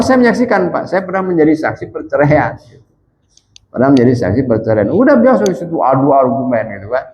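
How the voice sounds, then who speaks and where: A male ustadz giving a mosque sermon in a conversational way, calling the men Pak and reciting Arabic texts slowly. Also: a little hiss or hum, low-quality recording. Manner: wide swings in pitch and volume.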